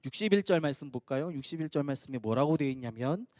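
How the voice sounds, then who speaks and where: Animated male pastor preaching to youth. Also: on the high side, fast, dry recording, studio quality. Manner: animated storytelling, acting out the scripture. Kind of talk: sermon at a youth prayer meeting.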